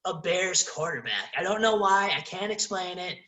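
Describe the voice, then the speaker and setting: Man, podcast co-host, relaxed sports chatter who steers the topics, roomy echo on the voice. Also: high voice, normal speed. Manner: relaxed, leads the discussion and moves to new topics. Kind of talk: casual sports chat.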